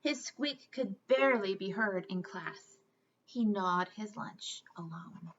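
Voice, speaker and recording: A woman serving as a school storyteller reads a picture book aloud to children, expressive and heavy on dramatic emphasis. She has a medium-pitched voice and speaks slowly, and the recording is muffled.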